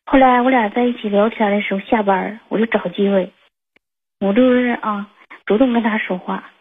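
A woman in her 20s rings in and rambles about something from her own life, filling gaps with fillers and starting over often. Her medium-pitched voice is steady, fairly quick and slightly rough, carried on a tinny phone line.

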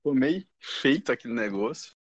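A man's voice: mid-range voice, expressive, normal speed, husky, no room sound. A young man with a Brazilian Portuguese accent telling stories in a loose, rambling way as a podcast guest, full of slang fillers. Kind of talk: casual chat. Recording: dull, muffled podcast audio.

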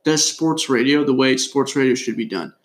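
A man's voice: mid-range voice, moderate pace. A young man from California co-hosting a sports podcast, telling stories with many fillers. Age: young adult. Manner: storytelling, with frequent fillers. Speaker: podcast co-host. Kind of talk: casual sports chat.

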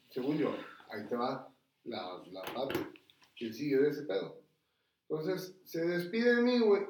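A man's voice: medium pitch, darkish tone, slight background noise. A man with a Mexican accent telling a story in casual chat, swearing freely and tagging nearly every phrase with slang. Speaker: podcast storyteller. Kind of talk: casual storytelling among friends. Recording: roomy echo, mic at a distance.

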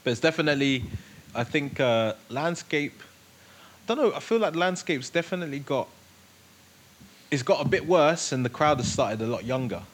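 A man, a guest on a podcast, talking in a relaxed way with plenty of fillers and agreeing "yeah"s. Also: medium pitch, moderate pace, slight background noise. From North London, England. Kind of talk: casual conversational interview.

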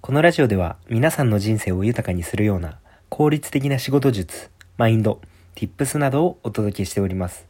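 Male solo host, hushed late-night delivery, low pitch, quick pace, polite advice talk. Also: expressive, slightly rough. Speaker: radio show host.

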